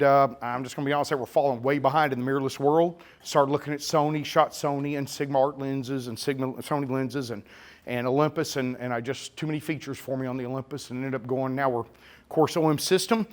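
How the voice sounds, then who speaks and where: A middle-aged nature photographer delivers a live keynote to a packed camera store event room in a slurred Texas-Oklahoma drawl, his voice slightly higher than most men's. Loose and chatty, he jokes, teases the crowd and slips sarcasm between points.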